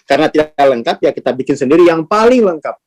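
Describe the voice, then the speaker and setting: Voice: medium pitch, lively intonation, fast talker, darkish tone. Teacher, chatty rhetorical style. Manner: conversational, asks rhetorical questions, acts out quoted speech. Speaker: spiritual teacher. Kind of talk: informal class talk.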